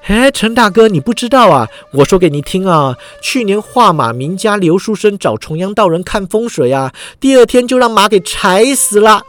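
A man's voice: sits high, sing-song, normal speed, few pauses, fairly bright tone, pitched above the performer's own voice. An eager gossiping bystander, voiced by a man telling a storybook tale chatters in a raised voice that swings up and down. He passes on rumors like secrets. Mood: gossipy. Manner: chatty, conspiratorial.

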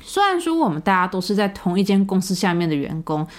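A woman's voice: mid-range voice, very animated, quick pace. A woman hosting a podcast, telling a story in a chatty, casual monologue with many fillers. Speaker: podcast host.

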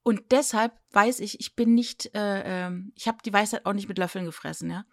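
A woman's voice: medium pitch, normal speed, no echo, studio quality. Pedantic woman spelling out words. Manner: self-deprecating and animated when explaining. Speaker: podcast co-host. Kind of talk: casual chat.

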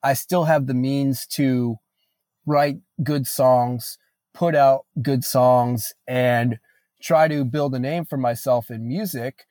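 An earnest guest musician in his late twenties speaks reflectively in a casual interview, filling his talk with "you know." His middle-pitched voice is slow, fairly even in intonation and darkish in tone, captured in a dry, close recording.

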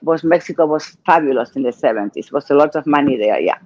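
An older woman from Argentina with a Spanish accent, telling her life story as a guest in a casual interview, in halting non-native English. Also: sits low, a little mellow, lo-fi sound, a little hiss or hum. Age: 60s or older.

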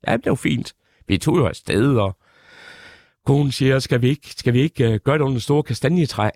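A middle-aged male stand-up comedian telling absurd stories in a deadpan manner, on a radio show. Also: medium pitch, gravelly, no room sound, clean studio sound. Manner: deadpan storytelling with absurd punchlines.

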